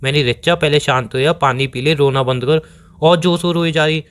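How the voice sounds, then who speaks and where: A man's voice: on the high side, steady tone, moderate pace. A man playing a boyfriend on a phone call, rambling defensively and pleading to be heard. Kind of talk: scripted couple call recording.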